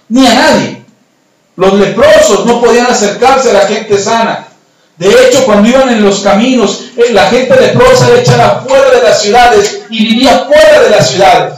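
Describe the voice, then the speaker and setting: A male pastor preaches a sermon in a high voice and tells it as a story, dropping to hushed tones and then rising to shouts. He is recorded from far off in a strongly echoing hall, with faint noise underneath. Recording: echoey church hall from far off.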